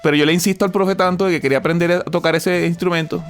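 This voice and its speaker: A Colombian man, a musician guest in an interview, telling his story in a relaxed, hesitant way with many fillers and restarts. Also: high-pitched, very fast, faint music behind.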